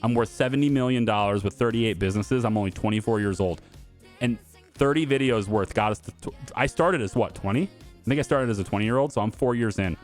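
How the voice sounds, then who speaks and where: A man hosts a gaming video with a lowish voice and a brisk pace, soft music playing behind him. He talks casually and off the cuff, rambling and thinking aloud as he speaks directly to viewers and developers.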